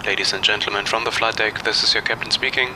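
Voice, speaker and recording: Man playing an airline captain, pilot over the PA, brisk delivery, courteous formal script, lowish voice, rumbling cabin noise. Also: steady tone, lightly acted. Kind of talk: scripted flight deck announcement in a simulator. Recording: noisy aircraft cabin rumble.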